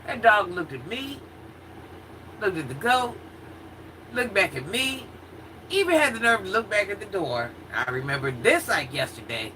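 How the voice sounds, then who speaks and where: An American woman with a naturally husky voice tells personal stories casually to a live chat in an animated, dramatic way. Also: medium pitch, moderate pace, pauses often. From rural United States, country upbringing. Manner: animated, dramatic retelling with acted-out quotes. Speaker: livestreamer chatting with viewers. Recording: distant mic with faint background noise.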